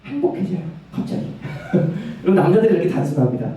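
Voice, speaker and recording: A young man preaching a lively sermon in a church, telling a story with energy and putting questions to the congregation. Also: a little high, quick pace. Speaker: youth ministry preacher. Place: church sanctuary. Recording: echoey hall, mic from a distance.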